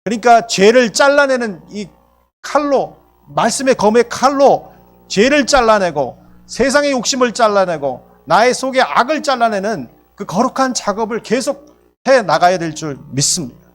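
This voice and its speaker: A male pastor preaching a sermon, talking in an animated way and acting out the lines of Bible characters. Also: sits high, moderate pace.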